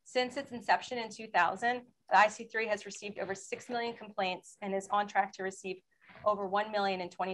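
A woman's voice: medium pitch, low-quality recording. Woman presenting at a webinar. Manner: steady, explanatory, asks for slide changes. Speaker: federal law enforcement panelist.

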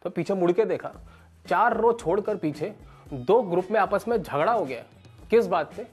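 A stand-up comedian in his thirties tells a story straight to the camera in a small indoor room, faint music playing quietly underneath. His voice is high and breathy-edged at normal speed. He is animated, raising his voice as he slips into other people's characters.

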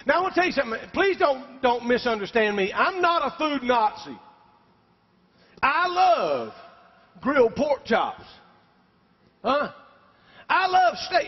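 A man preaching a sermon as pastor, emphatic and calling on the congregation for amens. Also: very high voice. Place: church sanctuary. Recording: dull recording with long hall reverb.

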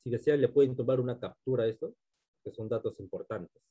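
Husky, mellow-voiced male teacher. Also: mid-range voice, a little fast. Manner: explains step by step, often checks in with the class. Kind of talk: online literature class.

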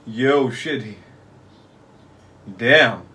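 A young man giving excited live reaction commentary in casual street slang, swearing freely and repeating short phrases. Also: medium pitch, drawn-out words, heavy background noise. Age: young adult. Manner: casual street slang, like "yo", "fam", "bro", "no cap". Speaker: anime reaction host. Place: small bedroom or home room, indoors.

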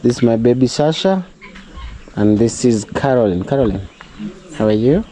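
A young Kenyan man vlogs outdoors at a rural home, chatting casually to the camera and calling his viewers "guys" in Kenyan-accented English, his second language. His mid-range voice is animated and mellow at a normal speed, and he sometimes drifts into prayerful, preachy encouragement. The low-quality recording has slight background noise.

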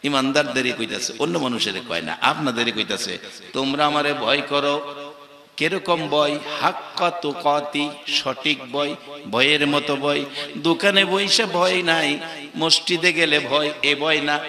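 A male preacher giving a fervent, half-chanted sermon that rises to shouts. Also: on the high side, a little slow, echoey room, long reverb tail, a crowd in the background. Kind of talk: impassioned sermon.

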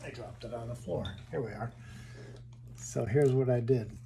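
A man casually walking through his hobby wiring build in a home workshop, halting and thinking aloud as he handles parts. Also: mid-range voice, vocal fry, background noise.

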